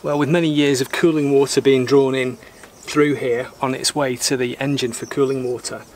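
A calm British man, a sailor, explains the steps of a boat repair as he works outdoors in a garden workshop. His voice is flat and mid-range, at normal speed, with slight background noise. He's methodical, plain-spoken and mildly opinionated.

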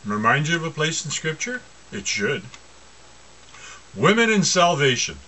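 A man's voice: on the high side, big pitch swings, a little slow, bright, forceful tone. A man preaching an informal sermon, mocking and asking rhetorical questions, often laughing to himself.

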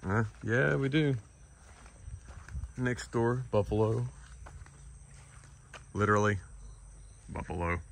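A middle-aged travel vlogger films a casual vlog at arm's length on a handheld camera, outdoors in a village and inside a shopping mall. His voice is lowish and gravelly with lively intonation, and he speaks slowly with frequent pauses. He's chatty and rambling, laughing often and restarting his sentences.

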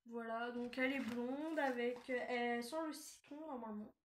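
A woman's voice: on the high side, fairly even intonation, normal speed. A woman chatting casually through a review of a collectible doll magazine, hesitant with many fillers and restarts. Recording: echoey room, faint noise.

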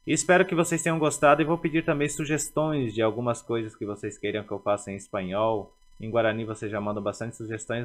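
A man teaching a language lesson, repeating words slowly and carefully to drill their pronunciation. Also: fairly low pitch, fairly bright tone, slight background noise.

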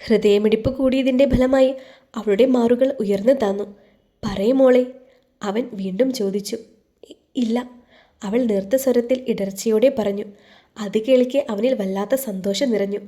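A woman narrating a romance audio story in a calm, even, intimate way as a scripted voice-over. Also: medium pitch.

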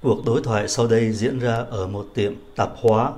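A man teaching a French reading lesson, reading phrases slowly and carefully and then explaining them quickly. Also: medium pitch, fairly even intonation, a little mellow.

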